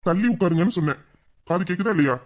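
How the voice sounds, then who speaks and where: In a Tamil audio drama, a man voices a romantic male lead: a flirtatious boss who teases a staff member in a playful, bossy way. His voice is high and he talks fast.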